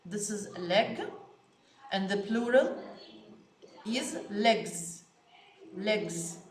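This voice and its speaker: An Egyptian woman whose first language is Arabic teaches English vocabulary to children, repeating each word slowly and stressing it. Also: mid-range voice, reverberant. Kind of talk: slow classroom vocabulary lesson.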